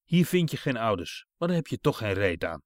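A man's voice: medium pitch, very animated, brisk, no echo, clean studio sound, close to an everyday voice. A man reading a story aloud and voicing a cruel, mocking woman who abandons a small child. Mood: menacing. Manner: mocking, menacing, raised.

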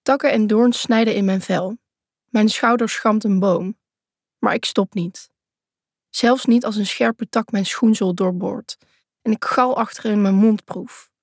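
A woman's voice: medium pitch, fairly even intonation, a little slow, no room sound, studio quality. A woman reading a first-person thriller aloud in a tense, urgent way. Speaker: audiobook narrator.

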